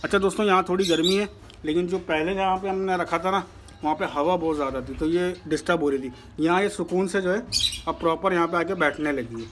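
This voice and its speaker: A fast-talking man with a high voice, a bird keeper vlogger, chats in a friendly way about his chores as he works outdoors among the rooftop kitchen and bird pens. It's casual vlog narration filmed on a handheld phone camera, and the rooftop recording is noisy.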